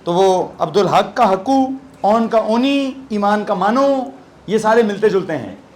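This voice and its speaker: A man's voice: sits high, animated, measured pace. A man with a Pakistani Urdu accent teaching physics in a classroom, conversational, quizzing his students with playful asides. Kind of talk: classroom lecture.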